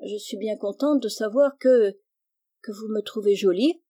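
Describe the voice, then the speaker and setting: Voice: medium pitch, animated, moderate pace, mellow, natural voice. A reader voicing a shy, polite young girl. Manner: polite, slightly hesitant.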